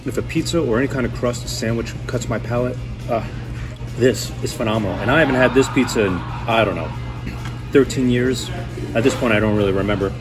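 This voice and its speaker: A man's voice: mid-range voice, fairly quick, music in the background. A man in his thirties hosting a casual food review in a restaurant, chatty and enthusiastic. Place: restaurant booth indoors.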